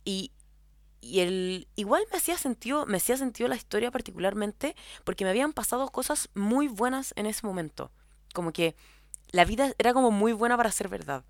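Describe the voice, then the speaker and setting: Young woman, Chilean accent, chatty storyteller who wanders with fillers; medium pitch, dead-dry recording. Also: expressive, fairly quick, no echo. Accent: Chilean Spanish. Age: young adult. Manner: rambling, heavy on filler words. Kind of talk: casual storytime monologue.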